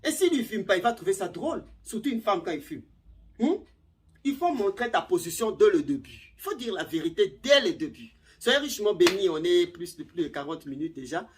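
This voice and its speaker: A middle-aged woman giving casual relationship advice to camera, animated, acting out little scenes and repeating words. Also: fairly low pitch, fairly quick.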